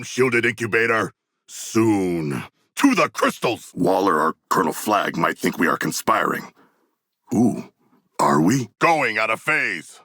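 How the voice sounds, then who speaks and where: A man voicing a huge, earnest, proudly ferocious shark-man warrior in a video game, with gravelly, stiffly formal and grandiose diction. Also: fairly low pitch, sharp tone, dry recording, studio quality, full character voice. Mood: fierce, commanding, then formal, intent. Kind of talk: video game character battle barks.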